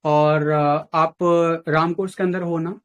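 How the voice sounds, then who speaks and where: Man, blunt advice, casual chat, raised pitch. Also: flat delivery, takes it slowly, a bit bright. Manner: blunt, advising, mixes in English phrases. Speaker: trading mentor. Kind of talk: casual live chat with a caller.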